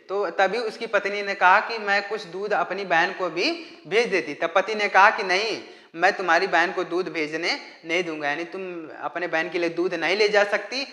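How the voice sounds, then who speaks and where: A man teaching an English lesson, explaining a story in Hindi and translating it phrase by phrase in a slow, deliberate way. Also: high-pitched, sharp tone, reverberant, long reverb tail.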